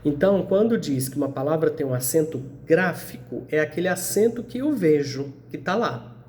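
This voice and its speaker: A Brazilian man teaching a video lesson to sixth graders, checking in with the class as he explains and stretching out words to spell them slowly. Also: fairly high pitch, lively intonation, a little mellow, a little hiss or hum. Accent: Brazilian Portuguese.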